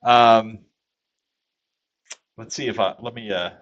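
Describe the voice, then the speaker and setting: A man's voice: on the low side, fairly even intonation, slow pace, fairly bright tone, dull audio. A man from Texas hosting a casual livestream, rambling with many fillers as he reads viewer comments aloud. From Texas, USA. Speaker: livestream host.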